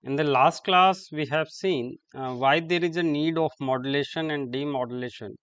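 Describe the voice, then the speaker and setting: Man, classroom lecture, halting, repeats terms, smooth clear voice. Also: a little high, a bit bright. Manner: halting, repeats terms while writing on board.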